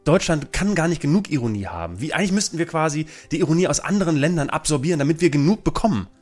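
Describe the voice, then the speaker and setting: A man's voice: on the high side, expressive, racing, soft background music. A man co-hosting a radio show in casual, ironic chat, rambling with many fillers. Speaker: radio host. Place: radio studio.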